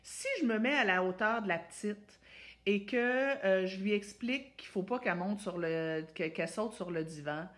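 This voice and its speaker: A woman with a Québécois French accent, a parenting coach giving advice and acting out parent examples in high, exaggerated voices. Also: normal speed, a bit bright.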